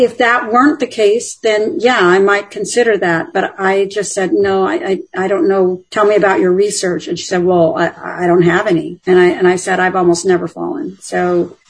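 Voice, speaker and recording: Chatty woman with a breathy voice. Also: mid-range voice, low-quality recording. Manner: chatty, with fillers and restarts. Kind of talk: casual chat.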